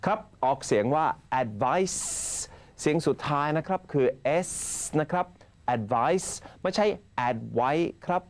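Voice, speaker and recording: A man's voice: fairly high pitch, fast talker, few pauses, clean tone. A man hosting a TV English lesson, patiently explaining phrases and then repeating them. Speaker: TV English teacher host.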